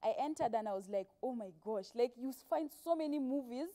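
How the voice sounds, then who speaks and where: Brisk and a little high, her mellow voice carries lively intonation. She's a Kenyan actress in her twenties, guesting casually on a TV show from a studio sofa, narrating anecdotes with quoted lines into a clip-on mic.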